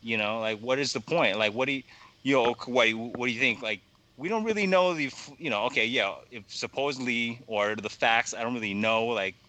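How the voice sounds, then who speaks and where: Young male podcast guest, forceful bright tone, casual and meandering, lots of "you know". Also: medium pitch. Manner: rambling, halting, heavy fillers and swearing.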